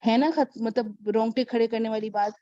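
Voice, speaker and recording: A woman with a fairly high, warm and mellow voice talks through a casual advice vlog, telling stories to her followers. She keeps checking in with the listener and acts out the people in her stories. The sound is dry and a little dull, like a lo-fi home recording. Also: normal speed, no room sound. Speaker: network marketing mentor.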